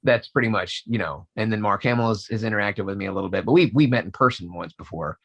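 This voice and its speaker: A voice actor in his forties tells stories during a casual interview as a guest, acting out what people said and restarting often. His voice is fairly low, creaky, and husky, and he speaks at a quick pace.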